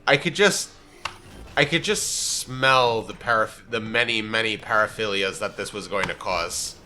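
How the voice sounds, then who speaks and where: A man co-hosting a game session in casual chat, often restarting his phrases haltingly. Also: on the low side, bright, forceful tone, soft background music. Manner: halting, repeats phrase openings. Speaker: let's play co-host watching and commenting.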